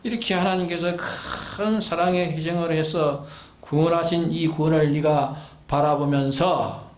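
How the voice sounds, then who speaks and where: High-voiced preacher in an echoey church. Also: male voice. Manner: exhorting, repeating commands and rhetorical questions. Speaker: pastor. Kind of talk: sermon. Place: church sanctuary.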